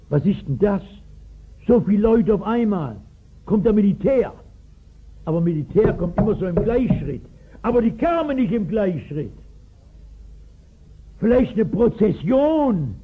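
A man's voice: sits high, husky. A man in his sixties, a pastor telling a Bible story in a sermon, emphatic and often asking his listeners questions, on a tinny 1960s recording. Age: 60s. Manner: storytelling, emphatic, asks the audience.

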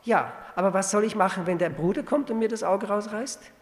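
A man's voice: high voice, brisk. A man preaching a conversational sermon that works through a Bible passage. He restarts often and asks his listeners rhetorical questions. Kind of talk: sermon, verse-by-verse Bible exposition. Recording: long hall reverb.

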